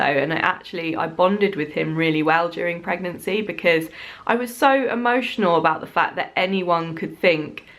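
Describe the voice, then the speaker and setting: A woman vlogger in her thirties talks openly to camera. Her voice sits a touch low, and she speaks candidly and thoughtfully, with plenty of "um"s and soft laughs between thoughts. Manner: candid, reflective, frequent fillers and soft laughs. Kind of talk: personal storytelling vlog.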